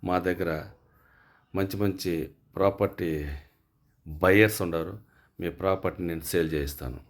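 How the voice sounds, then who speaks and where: A man with a very low voice talks straight to the camera as a real estate agent. He repeats his pitch and asks viewers to call him. His delivery is direct and salesy. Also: fairly even intonation, moderate pace. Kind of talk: property tour vlog.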